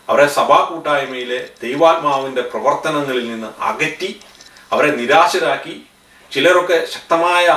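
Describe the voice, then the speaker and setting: This rough recording, made far from the mic in an echoey room, captures a slightly high, somewhat bright male voice. The speaker, a man in his thirties, stands in a studio against a backdrop and delivers an earnest sermon to camera, using both hands and lifting his voice on key phrases.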